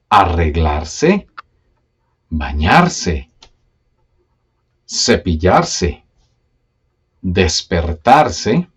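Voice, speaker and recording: A man teaching a slow grammar lesson step by step, patient and repeating key words as he checks in with the learner. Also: deep voice, darkish tone, husky, lo-fi sound. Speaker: Spanish teacher.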